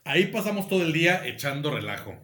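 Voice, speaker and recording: A man with a Mexican accent co-hosting a comedy podcast, reading a listener's story aloud in an animated way and laughing often. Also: a little high, fast talker, roomy sound. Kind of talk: casual comedy podcast banter.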